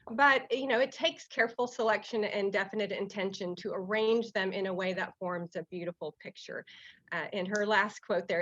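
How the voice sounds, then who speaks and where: A woman's voice: medium pitch, fairly bright tone. Woman presenter, nasal with a cold, chatty and filler-heavy, muffled call audio. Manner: casual, many fillers. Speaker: master gardener presenter. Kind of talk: online presentation lecture. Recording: slightly dull, lo-fi audio.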